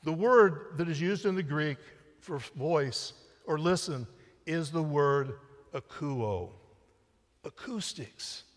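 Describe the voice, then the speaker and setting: A middle-aged male pastor delivers a conversational sermon in a sanctuary, his somewhat high voice swelling and then falling to a near hush on the words he wants to land. The live-streamed sound trails off in the long reverb of the church hall. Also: lively intonation, slow. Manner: conversational preaching, rising and dropping to a hush for emphasis. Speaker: senior pastor. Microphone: church sound system mic.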